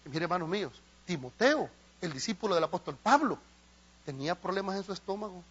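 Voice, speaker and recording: A man's voice: high voice, animated, quick pace, a bit bright, slightly rough, dull audio. A man preaching a sermon as a pastor, impassioned and asking his congregation questions. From El Salvador. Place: church.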